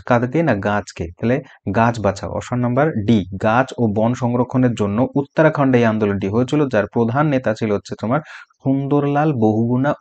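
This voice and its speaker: A man's voice: mid-range voice, dark tone, dull audio. A man teaching a casual exam-prep lesson, going through quiz answers and checking in with his students often. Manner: explains quiz answers with frequent checks like "okay?".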